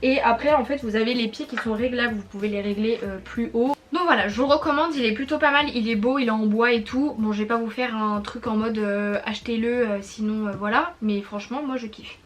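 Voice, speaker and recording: A woman's voice: on the high side, fairly even intonation, a little fast, hardly any pauses, slight background noise. A young woman, chatting casually in a product review vlog, rambling with lots of fillers and restarts. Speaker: YouTuber.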